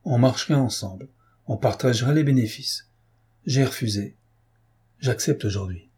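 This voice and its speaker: A man voicing a curt, contemptuous gentleman thief who threatens his rival, in an audiobook reading. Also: medium pitch, normal speed, husky. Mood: menacing. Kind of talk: audiobook character voice.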